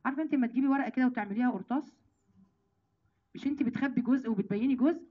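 A woman with an Egyptian accent giving a Quran commentary lesson, full of rhetorical questions to her listeners and slow, deliberate recitation of verses. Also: high-pitched, phone-quality sound. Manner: lively, rhetorical questions, addresses listeners directly. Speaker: religious teacher.

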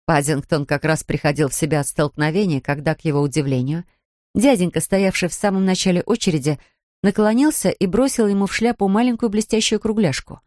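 Female storybook narrator, lower register, expressive, close dry booth. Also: brisk, no echo. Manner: lively, expressive. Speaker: audiobook reader.

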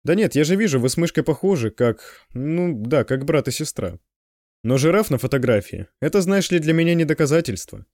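A man's voice: on the high side, expressive, a little fast, a little mellow, no echo, voice pushed up. A man voicing a tough male stalker who speaks bluntly with dry irony. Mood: wry.

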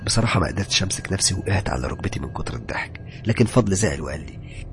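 Egyptian guy telling a horror story fast, low gravelly voice, faint music behind. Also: lively intonation. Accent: Egyptian Arabic. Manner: dramatic, hushed at tense moments. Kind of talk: first-person horror narration.

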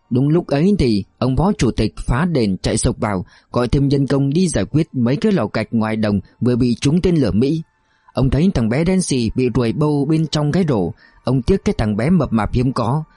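A man reading a novel aloud in steady first-person narration. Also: mid-range voice, slightly rough, no room sound. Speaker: audiobook narrator.

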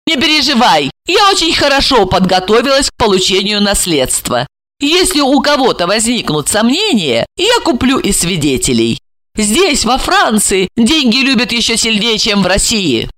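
A woman's voice: fairly high pitch, sing-song, normal speed, fairly bright tone, pitched above the performer's own voice. A woman doing a sneering schemer. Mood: taunting. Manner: sneering, taunting. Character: scheming, mocking young woman, contemptuous.

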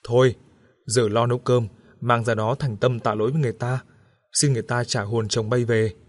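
Casual: guy doing a stern old villager telling folks off, plain even voice. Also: medium pitch, a little fast, dry recording, studio quality, lightly acted. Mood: scolding. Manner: scolding. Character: stern older villager, scolding and grave.

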